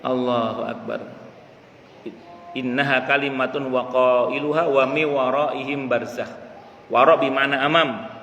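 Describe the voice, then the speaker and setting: A man giving a mosque study lecture, chanting Arabic passages slowly before explaining them. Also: mid-range voice, steady tone, a bit bright, dull audio, slight background noise. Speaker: religious teacher. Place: mosque hall. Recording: echoey mosque hall with faint ambience.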